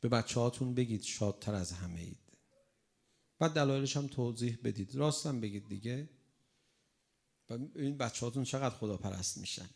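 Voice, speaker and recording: A man preaching a sermon in an animated way, acting out a crying child and the replies to it. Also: medium pitch, gravelly, long pauses.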